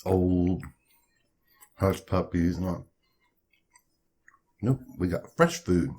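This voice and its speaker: A middle-aged Southern US man with a deep, rough-edged voice talks over a meal of fried chicken. His delivery is folksy and colloquial, like a dad chatting casually on a family vlog while he eats. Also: slow, a little mellow. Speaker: father co-hosting a family mukbang vlog.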